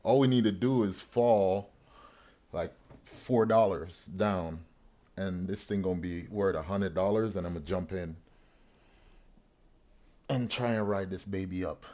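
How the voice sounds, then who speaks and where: Male trader streamer, deep-leaning voice, casual foul-mouthed slang, muffled stream sound. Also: unhurried, long pauses, dark tone, slight background noise. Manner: slangy, heavy swearing. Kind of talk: live trading stream commentary, casual chat.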